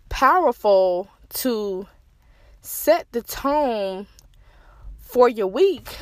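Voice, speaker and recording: A young woman hosts a motivational podcast in a casual, encouraging way. She sounds a little out of breath, and her pitch sits in an ordinary middle range. The recording is dry and close, with no room sound. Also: dry recording. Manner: upbeat, motivational, slightly breathless after a walk. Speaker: podcast host and life coach.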